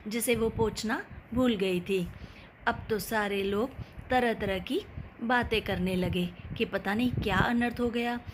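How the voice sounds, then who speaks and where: A woman narrating a family moral story as a storyteller, gentle and unhurried. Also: medium pitch, slight background noise.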